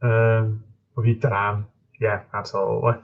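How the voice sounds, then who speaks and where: A Scottish man chatting casually on a live stream, answering viewers in a halting way with frequent ums and restarts. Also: on the low side, flat delivery. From Scotland. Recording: dull lo-fi stream audio.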